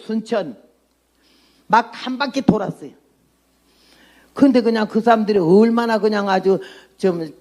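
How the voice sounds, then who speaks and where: Gravelly-voiced woman in her eighties preaching. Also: mid-range voice, darkish tone. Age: 80s. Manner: blunt, emphatic preaching. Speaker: missionary. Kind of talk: testimony sermon.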